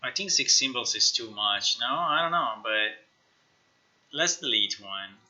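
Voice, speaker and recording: Speaking a little slowly at medium pitch, a man sounds animated, very bright and forceful as he casually talks his way through work on a live stream from an indoor computer setup. He's a non-native English speaker who mutters, repeats phrases and swears freely, and the recording is somewhat dull and lo-fi.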